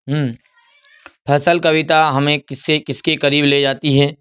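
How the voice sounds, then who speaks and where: A young adult male teacher, walking through an exam paper and repeating key answers slowly as if dictating. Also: fairly high pitch, flat delivery, fairly bright tone, smooth.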